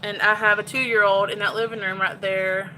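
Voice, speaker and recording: A woman's voice: mid-range voice, little pitch movement, normal speed, pushed and bright, slight background noise, poor audio. Chatty woman vlogging while cooking. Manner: candid, chatty, emotional. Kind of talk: casual chat while cooking. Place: home kitchen.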